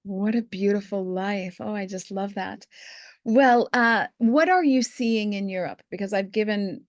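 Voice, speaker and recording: A woman's voice: mid-range voice, unhurried, no echo, clean studio sound. A woman being interviewed as a guest, speaking in a talkative, enthusiastic way. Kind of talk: conversational interview.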